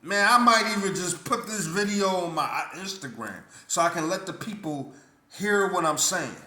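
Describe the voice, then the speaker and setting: A man's voice: high voice, animated, moderate pace, pushed and bright. A man vlogging his blunt, indignant opinion in casual speech full of stammered restarts. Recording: roomy echo.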